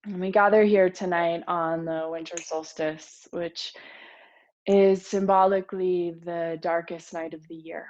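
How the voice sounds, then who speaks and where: A woman yoga teacher guiding a meditation in a gentle, soothing voice with pauses. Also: on the low side, fairly even intonation, muffled recording. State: a little nervous. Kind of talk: guided meditation talk.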